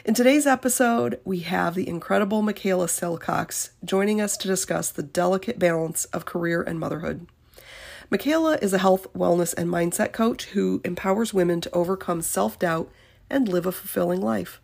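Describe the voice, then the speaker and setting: A woman hosting a podcast reads a scripted introduction at a moderate pace. Her voice is on the low side, creaky and a little mellow, scratchy because she's getting over a cold, yet she sounds upbeat and encouraging.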